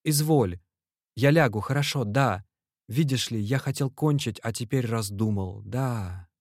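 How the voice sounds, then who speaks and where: A man's voice: medium pitch, unhurried, darkish tone, no echo, studio quality, voice pushed up. A man voicing a worn-out, broken young male clerk who speaks in a weak, faltering voice.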